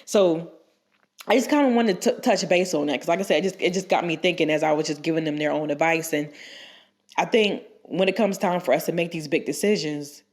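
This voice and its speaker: A deep-voiced young woman talks fairly quickly while co-hosting a podcast. She has a cold that stuffs her up, and her casual advice wanders with many restarts and fillers.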